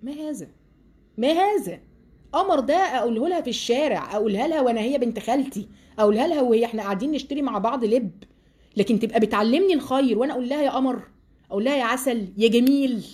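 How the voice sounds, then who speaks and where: A woman speaking with an Egyptian Arabic accent leads a religious lesson. Her speech is quick and her voice is mellow. She reads passages and then explains them with lively emphasis. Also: on the high side, husky. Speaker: Quran teacher.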